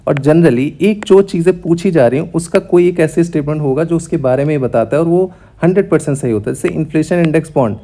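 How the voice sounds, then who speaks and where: A young man teaching exam tricks to students in a quick, direct way, mixing in English terms. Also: fairly high pitch, mellow. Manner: brisk, talks straight to students, mixes English terms into Hindi. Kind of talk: explaining exam questions.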